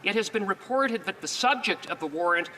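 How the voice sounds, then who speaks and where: Bright, high-voiced Canadian man in reverberant hall. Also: animated, brisk. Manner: formal, accusatory. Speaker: opposition member of parliament. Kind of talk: prepared parliamentary question. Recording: reverberant chamber, faint noise.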